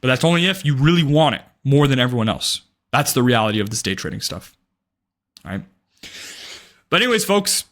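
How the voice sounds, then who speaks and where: This day trading vlogger, a young adult around twenty, has a mid-range, fairly bright voice. He hands out forceful, no-nonsense advice directly to the camera, cursing often and tacking "right?" onto the end of his points.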